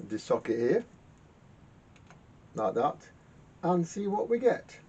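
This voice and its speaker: A man repairing vintage radios hosts a workshop video from his garage, giving casual hands-on commentary. His mellow voice has big pitch swings and is slightly rough; he's halting, mutters to himself, and repeats words. The sound is muffled and lo-fi with rumbling noise.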